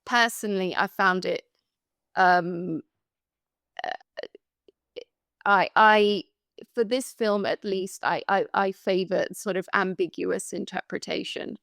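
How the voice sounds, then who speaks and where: A woman from London talks slowly and carefully, with a gravelly edge under an otherwise smooth voice. She sounds thoughtful and a little hesitant as she works through her ideas about a film. The sound is close and dry. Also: medium pitch, fairly even intonation, a bit bright, no room sound. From London, England. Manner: thoughtful and hesitant, searching for words. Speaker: podcast panelist. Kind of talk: casual film discussion.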